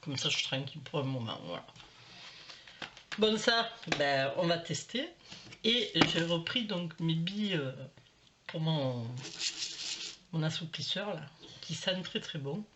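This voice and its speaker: A middle-aged woman vlogs from home, chatting casually to camera while showing off a shopping haul. Her low, expressive voice moves at a measured pace with frequent pauses, and she rambles with plenty of fillers. The home recording is slightly dull, with faint background noise.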